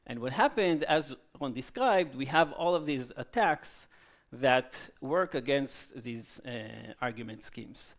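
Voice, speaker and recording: A man giving a technical conference talk, halting with fillers and checking in with "okay?" after each point. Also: mid-range voice. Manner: frequent "okay?" tag questions, halting with fillers. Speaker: conference speaker. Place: conference hall.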